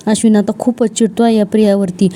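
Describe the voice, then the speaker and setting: A woman's voice: medium pitch, steady tone, fast, mellow. A woman casually retelling a TV serial episode in a chatty, filler-heavy way.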